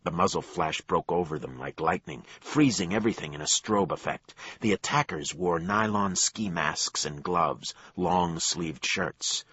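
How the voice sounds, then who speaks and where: Very deep-voiced male audiobook narrator. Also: a bit bright, slightly rough, no room sound, muffled recording. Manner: low, measured storytelling with acted dialogue. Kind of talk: scripted thriller narration.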